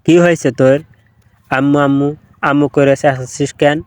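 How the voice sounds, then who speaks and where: A man's voice: on the high side, fairly even intonation, normal speed, clear, resonant tone, no echo, close to an everyday voice. A man voicing a weary, irritable young mother of three who snaps at her children. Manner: sharp, irritable.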